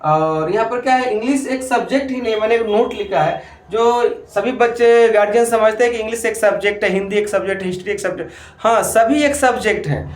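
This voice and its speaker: A male teacher with a high-pitched voice gives parents step-by-step advice in a classroom-style talk, speaking a little fast and often restarting his sentences while repeating "dekhiye" (look). The sound is reverberant, in a room with a board.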